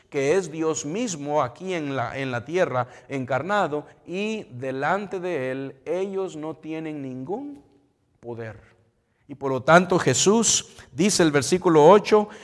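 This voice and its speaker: A man preaching a sermon in Spanish, who reads scripture in a loud emphatic voice and then drops low and quiet as he explains it. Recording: long reverb of a large hall.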